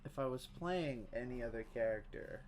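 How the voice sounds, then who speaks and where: Here a game streamer from the Southern US speaks at normal speed in a medium-pitched voice with a Southern accent. His casual commentary rambles, full of self-mocking jokes and sudden excited squeals. Faint music plays behind him, and keyboard typing and clicks are clearly audible.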